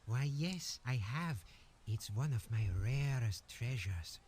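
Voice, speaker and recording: An actor voicing a fussy, self-important male collector of rare voices in an adventure game, speaking in a measured way. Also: mid-range voice, expressive, a little mellow, slight background noise. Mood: haughty. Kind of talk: game voice acting.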